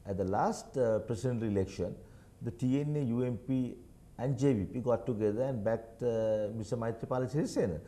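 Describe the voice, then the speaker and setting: A man's voice: mid-range voice, a little fast, warm tone. A man, a political commentator in a studio news interview, making his points insistently and checking agreement with "right?". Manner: emphatic, insistent, keeps asking "right?".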